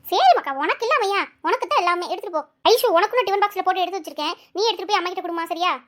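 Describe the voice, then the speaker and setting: Woman doing a tearful, devoted cartoon mother, very high and quick. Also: fairly bright tone. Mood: caring. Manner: affectionate, tearful, talks in long runs. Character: caring village mother, emotional, devoted to family. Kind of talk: cartoon family drama voice acting.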